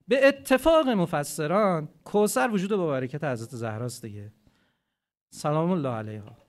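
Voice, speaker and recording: A man giving a religious talk to a gathering, animated, swinging between loud emphatic phrases and quiet asides, and asking his listeners rhetorical questions. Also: high voice. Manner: asks the audience rhetorical questions. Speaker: preacher.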